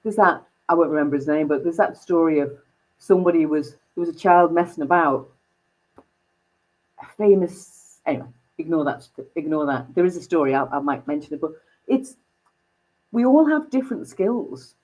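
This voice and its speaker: Woman from the UK, interview guest, low-pitched, animated storytelling. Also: normal speed, low-quality recording. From United Kingdom. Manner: animated storyteller, pitch jumps when excited. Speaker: franchise founder, interview guest. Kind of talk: interview conversation.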